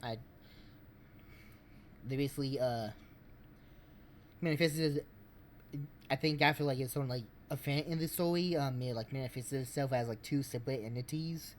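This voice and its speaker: A man streaming, giving casual game commentary in a rambling, halting way. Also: mid-range voice, a little hiss or hum.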